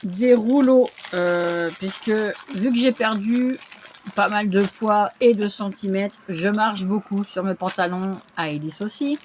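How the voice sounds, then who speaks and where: A woman's voice: medium pitch, a little slow, darkish tone, slight background noise. A woman chatting casually through a shopping haul video at home, with lots of fillers and little interjections. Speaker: vlogger showing a shopping haul.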